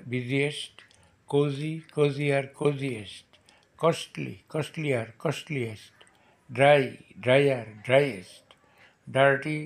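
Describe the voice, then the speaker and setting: A man with a Bengali accent teaching English grammar, reading each rule twice and then listing word forms one by one. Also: on the high side. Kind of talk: slow dictation-style grammar lesson.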